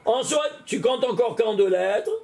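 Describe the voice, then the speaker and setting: A man, a rabbi, giving an animated Torah lesson, often exclaiming and putting questions straight to the listener. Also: sits high, moderate pace, creaky. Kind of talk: lively spoken Torah lesson.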